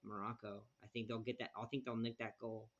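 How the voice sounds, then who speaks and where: A man's voice: fairly low pitch, little pitch movement, fairly quick, muffled recording. A man co-hosting a casual sports podcast who talks hesitantly and often restarts his thoughts. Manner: hesitant, lots of fillers and restarts. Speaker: podcast co-host.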